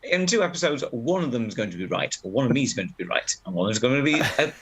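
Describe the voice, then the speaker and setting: A man's voice: mid-range voice, big pitch swings, fast, fairly bright tone, breathy edge, poor audio. A man, a tabletop game player musing thoughtfully in casual chat and restarting his thoughts.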